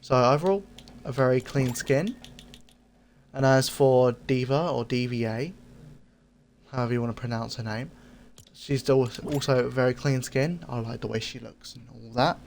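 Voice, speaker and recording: Man, casual game review host, mid-pitched voice, easygoing and repetitive, fixes his own slips, faint background hiss. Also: vocal fry. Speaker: gaming channel host.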